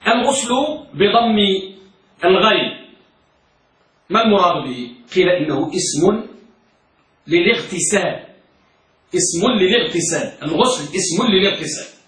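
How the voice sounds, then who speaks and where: A man's voice: high voice, a bit bright. A man teaching a class, quizzing students with repeated questions and urging them to speak up. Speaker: teacher of hadith. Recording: echoey room, voice from far off.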